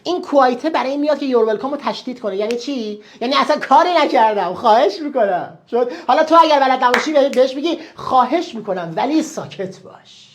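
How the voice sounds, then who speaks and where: A woman's voice: sits high, expressive, a little hiss or hum. A woman teaching English words, often stopping to quiz the listener with short questions. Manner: quizzing the listener with quick questions. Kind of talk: teaching vocabulary to learners.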